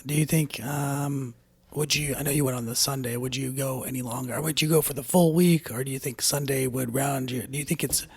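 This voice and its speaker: A man's voice: medium pitch, fairly even intonation, brisk, creaky, breathy edge. A man co-hosting a podcast, asking questions and dropping short, dry teasing remarks. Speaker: podcast co-host. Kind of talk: casual chat.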